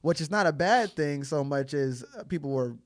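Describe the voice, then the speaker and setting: A man co-hosting a podcast in casual chat, animated and chatty with lots of filler words. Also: fairly high pitch, moderate pace. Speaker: podcast co-host.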